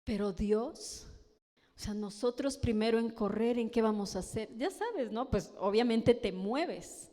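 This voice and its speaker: A woman's voice: a little high, animated, measured pace, warm tone. A woman preaching a sermon in a Mexican Spanish accent, speaking emphatically and often asking the congregation questions, heard in a church hall. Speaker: pastor's wife preaching. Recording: long church-hall reverb.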